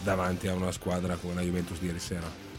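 A man's voice: low-pitched, completely flat delivery, fast, soft background music. A man with an Italian accent presenting a sports radio show in a casual, chatty style.

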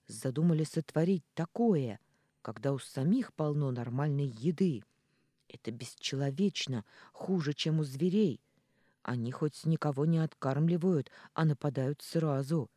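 An audiobook reader voicing a frightened, tearful young woman who accuses loudly with a trembling voice, in a lively, dry recording. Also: mid-range voice, no room sound.

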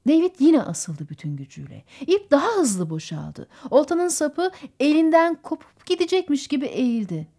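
A woman narrating a literary audiobook in a measured storytelling manner. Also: sits high, very animated, warm tone. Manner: measured storytelling, voices characters.

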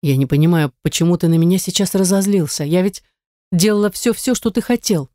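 A narrator voicing a frightened but stubborn young woman who answers back with a squeak in an audiobook. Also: brisk, mellow, no echo, clean studio sound, natural voice. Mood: defiant. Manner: squeaky, sniffling, hissing. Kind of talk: audiobook dialogue.

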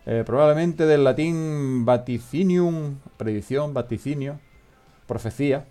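A man's voice: mid-range voice, measured pace, mellow, faint music behind. A man hosts a loose, comedic radio chat at a studio mic. His talk rambles, drifts into jokes and often trails off unfinished. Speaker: podcast host.

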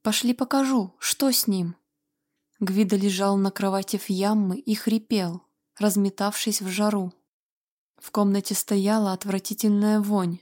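A woman narrating an audiobook in a measured, steady storytelling manner. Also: medium pitch. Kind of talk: scripted narration.

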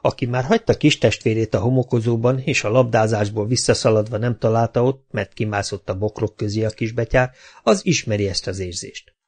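A man reading a children's storybook aloud in a lively, expressive narration. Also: on the low side. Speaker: audiobook reader.

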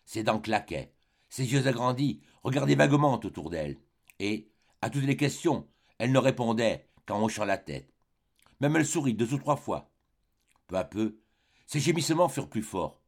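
A man giving a measured, expressive reading of a classic novel as an audiobook narrator. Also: medium pitch. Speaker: audiobook reader.

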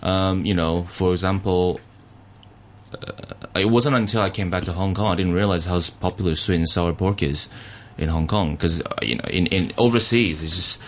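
A man from Taiwan, a chef, answering radio interview questions in a relaxed, hesitant way with many fillers. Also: sits low, moderate pace, a little hiss or hum.

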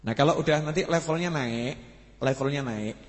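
A man with a slightly high voice preaches to a gathering at a mosque study session, speaking at a moderate pace. His tone is casual and conversational, and he puts questions to the audience. A long reverb tail trails his words.

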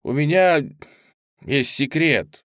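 Man voicing a stammering young cook, flustered, pleading, pitched up, lively, dry. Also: slow pace, no echo.

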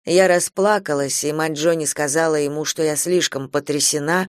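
A man reading a first-person literary novel aloud as an audiobook, in an even, measured way. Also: fairly high pitch, clear, resonant tone, no echo, clean studio sound. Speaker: audiobook reader.

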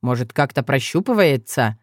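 A woman's voice: very deep voice, animated, moderate pace, dry recording, studio quality, voice pushed down. A woman voicing a bewildered, athletic young man who talks bluntly in slang.

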